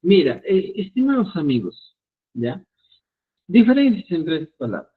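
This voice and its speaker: A man's voice: high voice, very animated, unhurried, husky. A man teaching a language class online, explaining rules and often checking in with his students. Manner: instructive, keeps checking in with "¿ya?". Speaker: Quechua writing teacher. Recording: tinny phone-like online call audio.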